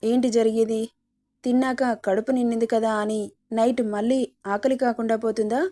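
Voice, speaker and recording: A woman's voice: a little high, level tone, moderate pace, warm tone, lightly acted. A woman voicing a playful young husband, a doctor, in a storybook reading, with sulky, teasing banter.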